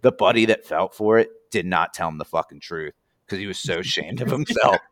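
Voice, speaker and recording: A man telling a long, profane story on a podcast, with an animated, cursing manner. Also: sits low, fairly quick.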